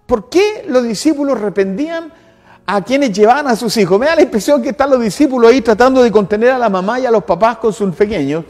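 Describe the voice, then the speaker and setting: A man's voice: extremely high pitch, animated, fast, a little mellow, in a large hall. A Chilean man in his sixties preaching a sermon as pastor, emphatic and full of repeated lists. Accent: Chilean Spanish. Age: 60s.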